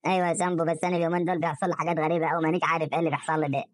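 A woman's voice: low voice, flat delivery, very fast, dry recording. A woman voicing a touchy, sulky young male cartoon character with an Egyptian accent. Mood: uneasy. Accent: Egyptian Arabic. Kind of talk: cartoon voice acting.

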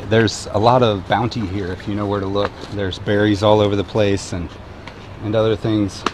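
On a forest trail, a man in his thirties narrates his family's hiking vlog, holding the camera at arm's length to film himself. His voice is on the low side at a moderate pace, and he sounds relaxed, chatty, and observational, with outdoor noise in the background.

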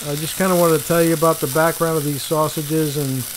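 A man's voice: a little high, steady tone, a little fast, background noise. A middle-aged man hosting a casual home cooking show, chatty and enthusiastic, laughing often. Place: home kitchen indoors.

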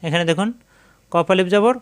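A man teaching Quran recitation rules step by step. He explains each rule over and over and then chants the words in long, drawn-out tones. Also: high-pitched, clear, resonant tone. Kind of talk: tajweed lesson, explaining and demonstrating recitation.

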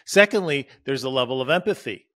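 A man with an animated, slightly fast, mid-range voice that's a bit bright hosts a podcast as a relationship coach. He motivates listeners in a conversational solo talk, speaking straight to "you" and "guys" and dramatizing little quoted moments.

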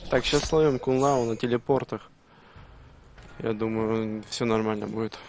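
A man's voice: on the low side, fairly even intonation, moderate pace, darkish tone. A man giving casual let's play commentary, muttering short reactions as he plays. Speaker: gamer commentating own play. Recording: clear game noise behind voice.

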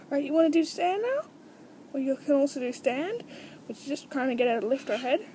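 A woman's voice: sits high, expressive, fairly quick, mellow, a little hiss or hum, rough recording. A teenage girl explaining guinea pig training at home, switching to coaxing, sing-song calls to her pets. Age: teens. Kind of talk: casual home tutorial.

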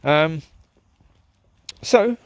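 Out on a nighttime park path, a man walking his dogs chats casually to a handheld camera, reflective and wandering in thought. His fairly high voice is animated, with drawn-out words, in a dry recording. He's a vlogger doing a walk-and-talk monologue.

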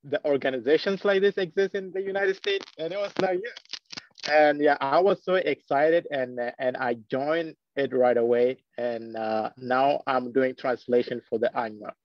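A man's voice: mid-range voice, fairly even intonation, normal speed, no echo, lo-fi sound. A young man from Ethiopia, a researcher, introducing himself eagerly on a video call with some restarts. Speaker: neuroscience researcher.

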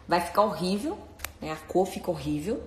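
A woman's voice: lowish voice, sing-song, moderate pace, darkish tone, slight background noise. A woman hosting a casual live stream, chatting and reading viewers' comments aloud, often breaking into nervous laughter. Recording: echoey room with faint ambience.

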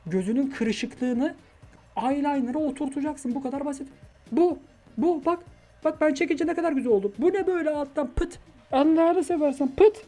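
A man giving comic, mocking reaction commentary over a reality show, with loud exasperated outbursts. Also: very high-pitched, moderate pace. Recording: show music playing underneath.

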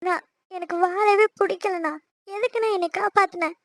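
A woman's voice: very high voice, steady tone, moderate pace, a bit bright, no echo. A woman voicing a heartbroken young woman. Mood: despairing. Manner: pleading, wounded. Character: heartbroken young woman in love, tearful, desperate.

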